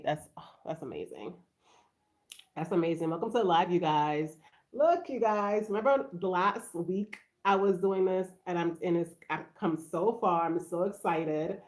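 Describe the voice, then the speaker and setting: A woman's voice: lowish voice, darkish tone. A woman from Haiti hosting a casual live stream, greeting viewers and answering their comments aloud in a chatty way. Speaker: livestream host.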